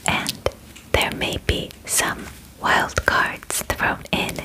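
In an ASMR roleplay, a woman in her twenties plays a calm, clinical alien examiner, speaking slowly and formally with precise, gently methodical wording. She is indoors in a small bedroom, close to a microphone set in front of the camera.

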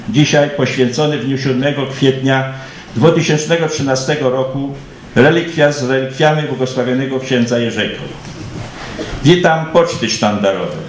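A man's voice: medium pitch, reverberant, a little hiss or hum, low-quality recording. A man delivering a formal, solemn commemorative welcome speech in a declamatory way, as if reading it out. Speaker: ceremony speaker welcoming guests.

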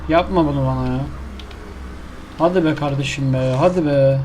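A mid-range, darkish male voice at a moderate pace comes through with slight background noise. The speaker, a gaming YouTuber, casually comments on his own gameplay and grumbles to himself, exasperated as the failures keep coming.

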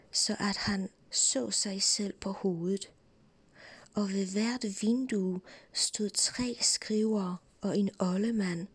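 A woman telling a fairy tale in whispered role-play, in a soft unvoiced whisper close to the mic. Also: medium pitch, breathy edge. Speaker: storyteller.

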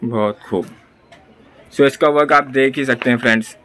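Medium in pitch and fairly bright in tone, this Indian-accented man speaks at normal speed. As a vlog host in a small indoor clothing shop, he interviews a seller for his market shopping vlog, echoing back the answers and talking to viewers.

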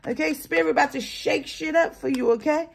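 High-pitched woman doing a spiritual reading, still got her morning voice, slangy and emphatic, says okay a lot. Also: a little fast, gravelly. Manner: emphatic, slangy, keeps tagging lines with "okay?"; swings between low mutters and loud animated bursts. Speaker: spiritual card reader. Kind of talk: casual spiritual reading to viewers.

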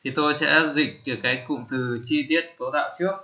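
Bright-voiced man teaching slowly. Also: a little high, lo-fi sound. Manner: slow, repeats each term, many fillers. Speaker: English teacher. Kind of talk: screen-recorded lesson.

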